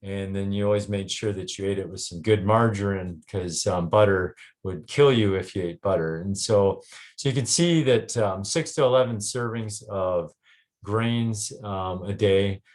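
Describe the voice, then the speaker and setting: A man's voice: on the low side, darkish tone. A middle-aged Canadian doctor giving a casual health talk to a group, filling his sentences with ums and restarts. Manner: halting, frequent ums and restarts.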